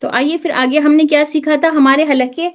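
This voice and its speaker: A woman with a high-pitched, steady voice leads a live religious recitation lesson at a moderate pace, explaining step by step. She drills key points by asking questions and repeating the answers, mixing English words into her Hindi.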